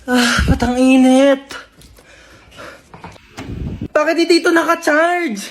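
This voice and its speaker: A woman's voice: sits high, slow, slight background noise. A young Filipino woman acting out comic family skits, exclaiming and bickering as she switches between roles. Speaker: comedy skit creator.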